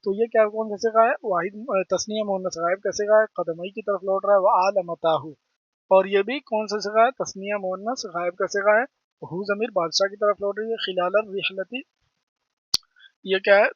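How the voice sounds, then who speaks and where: Brief: man with a delivery, high voice, teaching grammar with a dry, dull lo-fi sound. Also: no room sound. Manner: repeats terms, asks and answers own questions. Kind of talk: explaining grammar lesson.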